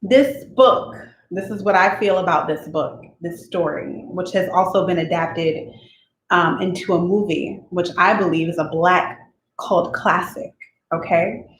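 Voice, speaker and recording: A woman's voice: lowish voice, measured pace. A woman hosting a book-reading channel, talking casually and emotionally at home and tagging her sentences with "okay?". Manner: chatty, tags sentences with "okay?"; emotional, openly expects to cry. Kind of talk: casual chat before reading aloud. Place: at home with her cat nearby. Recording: echoey room, faint noise.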